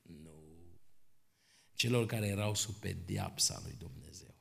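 A middle-aged man preaching a sermon to his congregation, emphatic, swinging between quiet asides and loud exhortation. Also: sits low, vocal fry.

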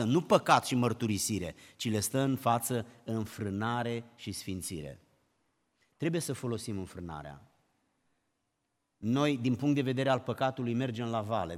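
A man preaching a sermon, emphatic, climbing to loud exclamations and then dropping low. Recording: long hall reverb.

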